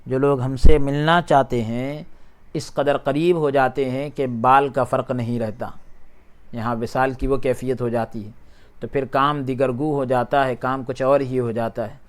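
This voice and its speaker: A man teaching a religious lesson. He reads a passage aloud, then restates each phrase in simpler words, and gets louder at emphatic points. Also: mid-range voice, steady tone, smooth. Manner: rises in loudness at emphatic points. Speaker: Islamic scholar teaching a class. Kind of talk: religious lesson, reading a text aloud and explaining it.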